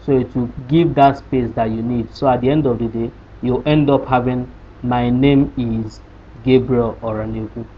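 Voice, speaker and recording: Explaining code piece by piece, a male programming tutor pauses to ask rhetorical questions before answering them in his screen-recorded tutorial. He talks at a moderate pace with a steady tone and average pitch, over dull, lo-fi audio with a faint underlying hiss.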